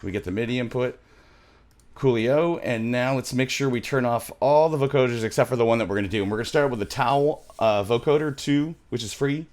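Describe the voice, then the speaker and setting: A middle-aged music production tutorial host walks through music software casually and loosely, thinking aloud as he goes. He speaks at a medium pitch and a brisk pace, recorded on a studio mic in a small room at home.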